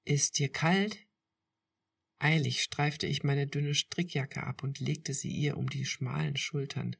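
A woman reading a first-person romance story aloud in a slow, intimate storytelling manner. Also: rumbling low, fairly even intonation, vocal fry, slightly rough. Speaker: podcast reader.

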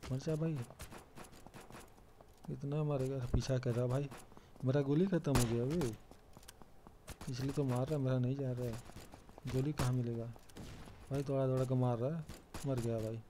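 A man's voice: mid-range voice, fairly even intonation, moderate pace, long pauses, background noise. Chatty young man narrating his game. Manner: chatty, self-mocking, calls out to teammates. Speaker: gamer commentating his play. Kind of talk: casual gameplay commentary.

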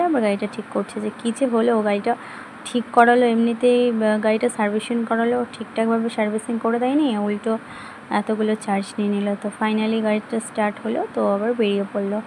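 A woman's voice: fairly high pitch, level tone, fast talker. Chatty woman vlogging her day, noisy. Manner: speaks softly so the sleeping baby is not disturbed. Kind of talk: casual vlog narration.

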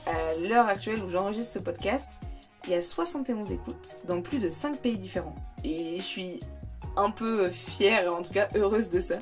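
A woman's voice: mid-range voice, normal speed, soft background music. A young French woman hosting a casual travel podcast, chatting informally with slang and fillers. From France. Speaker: podcast host.

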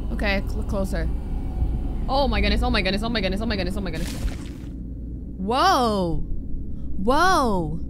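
This gaming streamer, a young woman, has a fairly high-pitched voice over a noisy background. She plays with lively, casual commentary, addressing the game directly and occasionally reading lines out loud.

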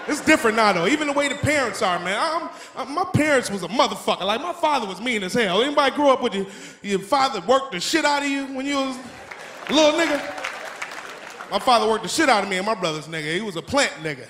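A man doing a stand-up routine, loud and profane, acting out shouting parents and whining kids in high squeals. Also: expressive, fast, slight background noise. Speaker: stand-up comedian. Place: comedy club stage before a laughing audience. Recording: echoey club with loud crowd laughter. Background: crowd laughter.

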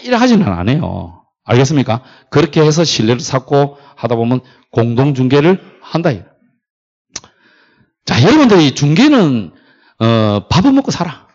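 A middle-aged man lecturing on factory brokerage, telling stories and acting out quoted lines. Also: medium pitch. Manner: animated storytelling, acts out quoted dialogue. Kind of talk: classroom lecture with anecdotes. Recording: dull lo-fi lecture recording.

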